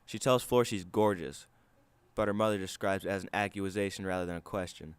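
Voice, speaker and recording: A man's voice: low voice, steady tone, a little fast, smooth, no echo. A man reading a scripted video essay as a student narrator.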